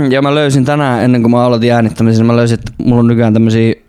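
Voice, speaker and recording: A man's voice: mid-range voice, level tone, warm tone, clean tone. A young man, rambling and swearing a lot as he hosts a casual solo podcast. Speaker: podcast host. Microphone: studio mic close up.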